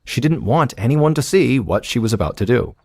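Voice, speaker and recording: A man hosting a podcast, telling a true-crime story in measured, suspenseful scripted narration. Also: medium pitch, lively intonation, a little mellow, husky, no echo, clean studio sound. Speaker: podcast host.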